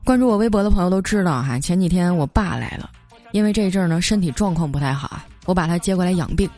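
A woman hosting a comedy segment, telling funny everyday stories in a chatty, lively radio style. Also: lowish voice, quick pace, soft background music. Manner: chatty, lively, sprinkles filler particles. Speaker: host of a comedy story segment.

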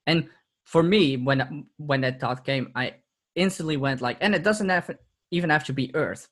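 A man's voice: on the high side, normal speed, fairly bright tone. Man, podcast guest, casual interview chat, reflective, laughs often, stammered restarts.

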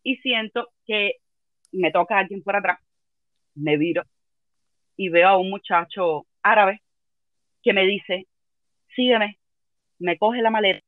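A woman's voice: medium pitch, fairly even intonation, unhurried, long pauses, no echo, narrow, tinny audio. A woman with a Cuban accent telling a funny personal story in a dramatic, self-mocking way. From Cuba. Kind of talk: comic storytelling chat.

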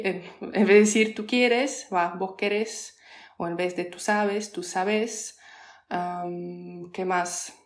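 Polish woman, podcast guest, hesitant and filler-heavy, roomy echo. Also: medium pitch. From Poland. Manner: hesitant, many fillers and restarts, explains patiently. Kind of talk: casual interview chat.

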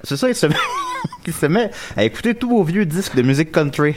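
A man hosting a morning radio show, teasing his guests in quick, laughing casual chat. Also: on the high side, very animated.

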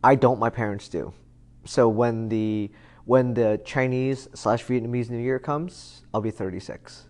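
A man's voice: mid-range voice, steady tone, a little slow, a little mellow. A man in his thirties, a guest in a casual conversation, talking in a rambling way with many fillers and restarts. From United States. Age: 30s.

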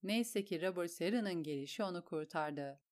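Low-voiced woman reading an audiobook. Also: animated, normal speed. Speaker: narrator. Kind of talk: audiobook narration.

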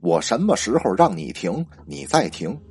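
A commanding village exorcist, voiced by a male storyteller speaks low and firm, his husky tone dropping well below the narrator's own. Each order comes short and flat, with faint music under the telling. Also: moderate pace, no echo, full character voice. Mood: stern commanding. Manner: giving curt, firm orders.

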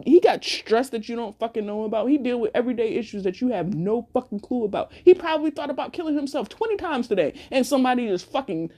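A woman's voice: a little high, dark tone. A woman hosting a casual solo podcast, speaking bluntly and cursing a lot as she tells a story with speech. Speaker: podcast host.

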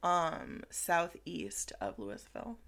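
A woman in her thirties co-hosting a podcast in relaxed casual chat, with many fillers, sometimes dropping to a near whisper. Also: lowish voice, takes it slowly, creaky. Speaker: podcast co-host.

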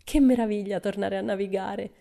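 A woman's voice: on the low side, expressive, brisk, warm tone, lightly acted. A woman voicing a boisterous, cheerful young girl adventurer who keeps exclaiming with delight, in a storybook reading. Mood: exuberant. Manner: exuberant, exclaiming.

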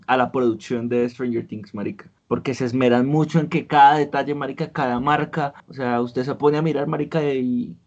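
A man's voice: medium pitch, steady tone, fairly quick, hardly any pauses, dull audio. A Colombian man co-hosting a casual podcast chat, rambling and full of slang. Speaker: podcast co-host.

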